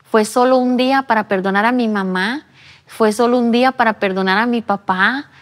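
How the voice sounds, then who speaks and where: A woman's voice: a little high, moderate pace. Woman, echoing room. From Costa Rica. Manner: earnest storytelling, re-enacting her own past words. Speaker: interviewee giving a testimony. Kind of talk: personal faith testimony. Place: church interview set. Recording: long reverb of a large room.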